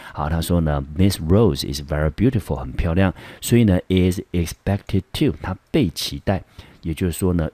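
Man, Taiwanese Mandarin accent, English teacher, patient explaining, extremely low voice, dry close recording. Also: warm tone, dry recording. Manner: explains patiently, often starting with "好". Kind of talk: classroom vocabulary lesson.

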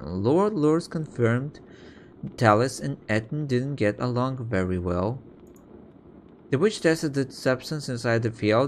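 A man's voice: medium pitch, slight background noise. A man giving casual let's-play commentary, thinking aloud and reading text off the screen. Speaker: video game player and commentator.

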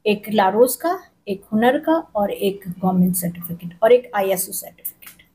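Hesitant middle-aged woman, mellow voice. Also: mid-range voice, animated. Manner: hesitant, with many pauses and fillers. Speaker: salon owner and makeup artist. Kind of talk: on-camera interview. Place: indoor salon with tiled walls. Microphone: handheld reporter mic.

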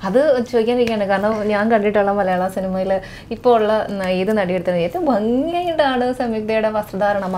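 Malayali woman interviewer, faint rumble. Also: mellow. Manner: attentive, frequent hums of agreement. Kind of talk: interview questions.

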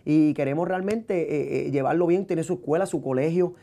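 A man's voice: fairly high pitch, brisk, creaky, warm tone. Rambling, playful male singer guest. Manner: rambling, repetitive and playful, stutters on repeated words. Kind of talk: casual interview chat.

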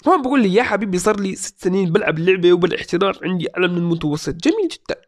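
Rapid-fire and very animated, a high-voiced man in his twenties films a casual Q&A vlog at a desk in a small indoor room. He reads out viewer questions and tackles them with playful humor.

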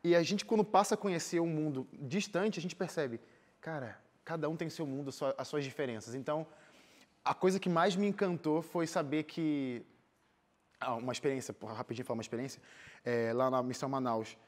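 A young Brazilian man with a higher-pitched voice talks fast while sitting as a guest in a TV studio interview. A singer and missionary volunteer, he shares casual personal stories.

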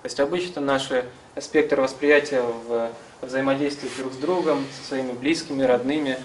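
A man's voice: medium pitch, fairly even intonation, normal speed. A man in his thirties giving an informal seminar lecture and answering questions, hesitantly searching for words as he explains. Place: small classroom-like seminar room, indoors. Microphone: camera some metres away. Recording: distant camera mic, faint room noise.

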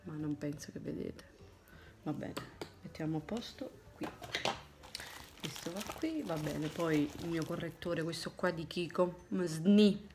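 A woman in her thirties from Italy chatting casually to a phone camera about her makeup, thinking aloud and slipping into low asides. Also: unhurried, music in the background. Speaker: beauty vlogger. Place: small indoor room at home. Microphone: phone camera close up.

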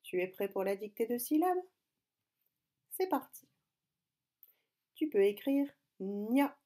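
A woman teacher giving a slow, clear phonics lesson to young pupils. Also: on the high side, sing-song, warm tone. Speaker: primary school teacher.

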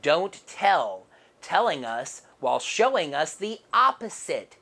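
A woman's voice: low voice, sing-song, takes it slowly, a bit bright, breathy edge. A woman narrating a casual comic book review with wry, sarcastic asides.

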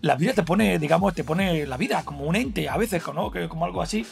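High, gravelly Spanish man rambling animatedly. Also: fairly quick. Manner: rambling, animated, full of fillers and laughter. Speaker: guest telling an anecdote. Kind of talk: casual podcast storytelling.

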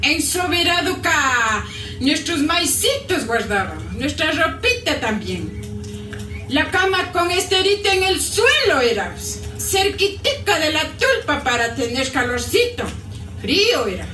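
Dolores Cacuango, high-voiced Andean peasant leader. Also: female voice, big pitch swings, measured pace, sharp tone, exaggerated voice. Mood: plaintive recollection. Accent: Ecuadorian highland. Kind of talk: radio drama acting. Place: played over speakers at a stage performance. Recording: echoey stage playback from far off, music behind.

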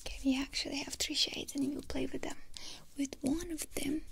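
Whispering young woman, creaky ASMR role-play. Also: high voice, fairly even intonation, a little fast. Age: 20s. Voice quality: breathy, unvoiced whisper. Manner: soft, chatty, instructing the listener up close. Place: small indoor room at home. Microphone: close mic, near the camera.

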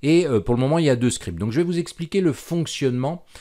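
A man teaching a software tutorial over a screen recording, talking with frequent fillers and restarts. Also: on the high side, animated, quick pace. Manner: hesitant, many fillers and restarts. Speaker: programming instructor.

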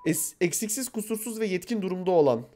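A man's voice: high-pitched, expressive, quick pace, over loud music. A man streaming live, reading quiz clues aloud and teasing his friends in a casual, joking way.

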